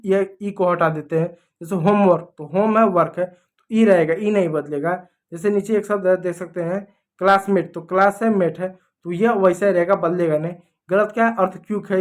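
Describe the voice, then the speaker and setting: Hindi-speaking teacher explaining English spelling. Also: male voice, high-pitched. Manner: repeats examples, checks in with "ठीक है". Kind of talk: explanatory lesson over slides.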